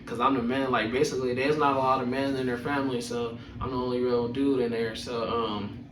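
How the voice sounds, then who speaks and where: Brisk and flat in delivery, a young man with a medium-pitched, fairly bright voice tells personal stories on his podcast. He's casual, slangy and profane, chuckling throughout. The sound comes from a distant mic in an echoey room, with faint noise.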